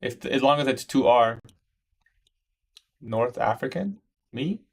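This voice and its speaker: Slow and mid-range, his voice has lively intonation, vocal fry, and a breathy edge. This 21-year-old Iraqi day trader livestreams, talking over his trades and answering chat in an easygoing, slangy manner while calling viewers "bro."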